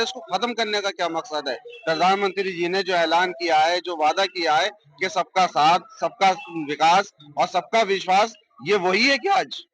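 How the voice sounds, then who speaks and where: A man's voice: high voice, fairly bright tone, rough recording. Earnest man speaking outside a mosque. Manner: earnest, measured, appealing. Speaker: worshipper interviewed. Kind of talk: street interview statement.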